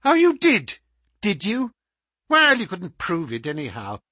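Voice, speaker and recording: A man's voice: sits high, wildly swooping pitch, unhurried, bright, forceful tone, no echo, clean studio sound, voice pushed up, heavily acted. A man voicing a cruel, mocking male visitor who taunts a sick man. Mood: taunting. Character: sneering, cruel middle-aged male visitor.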